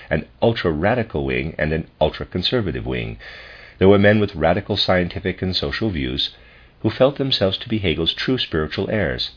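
A man with a husky voice reading a scholarly philosophy lecture aloud in a formal, deliberate, professorial manner. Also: deep voice. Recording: dull lo-fi recording.

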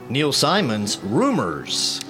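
A man's voice: mid-range voice, wildly swooping pitch, music in the background. Man announcing with a digital echo. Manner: slow, showy announcer reading. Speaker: podcast host. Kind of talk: announcing award nominees.

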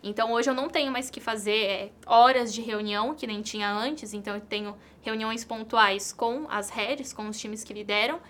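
Brazilian businesswoman in an interview, bright highish voice, earnest, says things twice to drive them home. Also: steady tone, moderate pace, hardly any pauses. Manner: earnest, repeats key phrases for emphasis. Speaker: entrepreneur and content creator. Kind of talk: interview answers.

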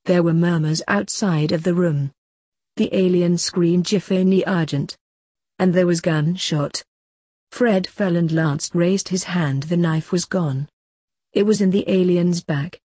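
Woman, story narrator, steady reading, husky, lowish voice. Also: measured pace, no echo. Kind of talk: reading a sci-fi story aloud.

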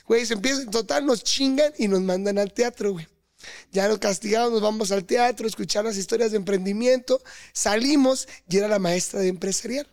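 Guest storyteller: young Mexican man, high voice, animated, acts out other people's lines with shouts. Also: fairly quick. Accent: Mexican Spanish. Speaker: podcast guest. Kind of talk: casual storytelling chat.

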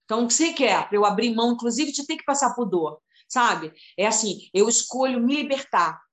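A woman's voice: fairly high pitch, lively intonation, a little fast, roomy sound. A woman in her fifties talking casually and emotionally, rambling through a personal story and often addressing her listener by name. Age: 50s. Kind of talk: casual conversation about healing and spirituality.

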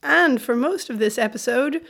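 A woman from Sweden co-hosting a podcast in a conversational way, her voice gravelly from a cold. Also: high-pitched, animated, normal speed, a bit bright. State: has a cold. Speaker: podcast co-host.

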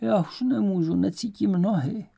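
A man's voice: high-pitched, dark tone, slightly rough, voice pushed up. Myška, a man voicing a whiny young prisoner. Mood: plaintive. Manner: plaintive, pleading. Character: young male prisoner, frightened, whining.

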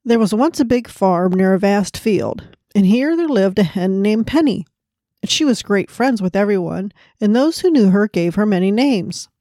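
A woman's voice: medium pitch, expressive, normal speed, mellow, no echo, clean studio sound. A woman hosting a devotional podcast, speaking in an earnest, prayerful way and narrating a children's story. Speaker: podcast host.

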